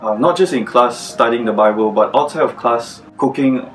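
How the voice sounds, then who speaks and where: A man's voice: medium pitch, moderate pace, fairly bright tone, distant mic, slight background noise, rough recording. Earnest man giving testimony. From Malaysia. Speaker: former student giving testimony. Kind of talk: personal testimony.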